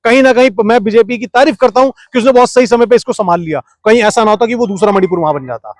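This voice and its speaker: A man being interviewed, arguing his point forcefully and firing off rhetorical questions while refusing to be cut off. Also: high-pitched, quick pace, dry recording, studio quality. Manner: argumentative, fires rhetorical questions, keeps talking over interruptions. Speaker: interview guest. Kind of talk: heated political interview.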